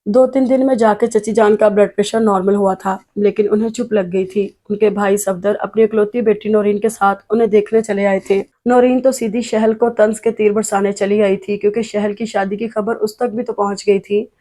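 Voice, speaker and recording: A woman reading a romance novel aloud as narrator, in a measured, even way. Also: medium pitch. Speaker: audiobook narrator.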